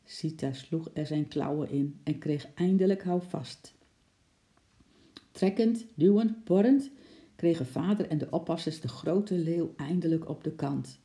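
A woman narrating a children's storybook with expressive, dramatic delivery. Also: deep voice, normal speed, few pauses. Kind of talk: children's storybook read-aloud.

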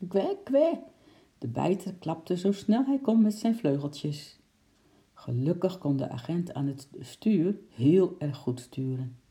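A man reading a children's story aloud in lively storytelling style, switching into voices for the characters. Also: fairly high pitch, slow. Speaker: narrator.

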